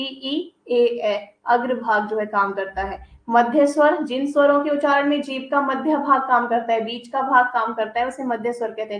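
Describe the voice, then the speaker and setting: A woman teacher with a slightly high voice gives a grammar lesson in a coaching classroom. She explains each term, then offers examples, checking in with "ठीक है". The recording is reverberant and low-quality.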